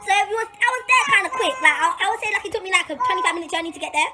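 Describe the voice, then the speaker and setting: A young adult woman with a London accent races through a personal story in a very high-pitched voice, slangy and animated, repeating phrases for emphasis. Heavy background noise surrounds her.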